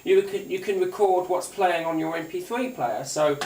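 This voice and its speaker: With a high-pitched, slightly mellow voice at a moderate pace, a man demonstrates gadgets for his YouTube review channel in a casual, unscripted way. He rambles hesitantly and repeats phrases while working at an indoor tabletop away from the mic, so the sound is roomy and distant with faint hiss and clicks.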